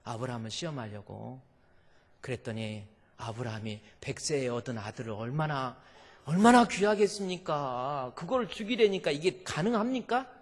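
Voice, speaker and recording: A man pastor preaching a sermon in a church, swinging from soft murmurs to shouted cries, with repeated refrains. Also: medium pitch, lively intonation, normal speed. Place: church sanctuary. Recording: long reverb of a church hall.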